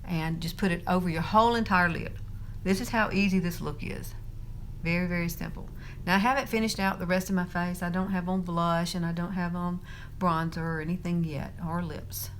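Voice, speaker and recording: A woman's voice: lowish voice, steady tone, fairly quick, slight background noise. A woman in her fifties giving a chatty live makeup tutorial, laughing often and talking straight to her viewers. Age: 50s. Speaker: beauty vlogger.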